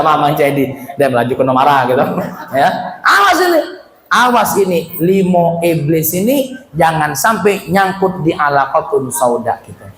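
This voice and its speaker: A male preacher giving a lively sermon to a congregation, with a South Sumatran Malay accent, animated and acting out voices. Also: a little high. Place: hall with audience. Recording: echoey hall.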